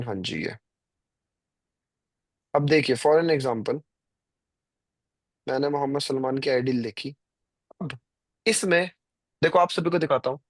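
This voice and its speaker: This trading stream host, a man in his 20s, has a slightly high voice and rambles casually at his viewers, addressing them directly and filling his speech with fillers. The recording is dry.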